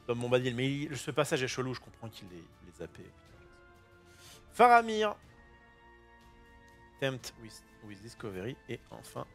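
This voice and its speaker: A man hosting a casual card-opening session in his kitchen, chatty and excitable, thinking aloud and using casual slang. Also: mid-range voice. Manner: self-interrupting, thinking aloud. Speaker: host opening trading card boosters. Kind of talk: casual unboxing commentary. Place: home kitchen.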